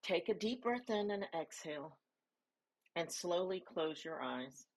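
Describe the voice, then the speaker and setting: A woman leading a guided body scan meditation, giving soft, calm instructions with pauses between phrases. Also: on the low side.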